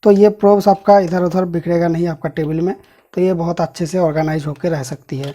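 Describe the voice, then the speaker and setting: A man walks viewers through a gadget unboxing in a relaxed, chatty way, pointing out each part as he goes. His voice is mellow and dark in colour, and his pitch barely moves, staying steady and even from line to line. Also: a little fast. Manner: explains while handling the device, addresses viewers as friends. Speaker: host of an electronics channel. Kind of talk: casual product unboxing and review.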